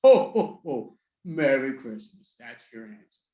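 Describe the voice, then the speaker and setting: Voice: medium pitch, big pitch swings, unhurried, dark tone, highs cut off, voice pushed down. A performer putting on a jolly Santa Claus voice who keeps breaking into ho ho ho laughs, recorded in an echoey room. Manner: laughs ho ho ho between phrases.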